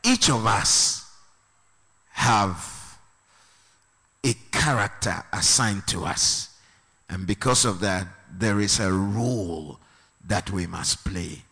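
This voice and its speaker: A man's voice: fairly low pitch, pushed and bright, breathy edge. Preaching man in an echoing hall. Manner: slow and emphatic, rising to a sung, preaching cadence. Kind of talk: sermon. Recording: long reverb of a hall.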